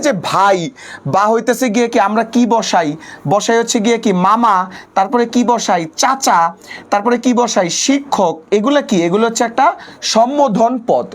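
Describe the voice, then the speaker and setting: A young man with a colloquial Bangladeshi Bengali accent teaching an online exam-prep class, asking questions and answering them himself while repeating a habitual filler phrase. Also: very high voice.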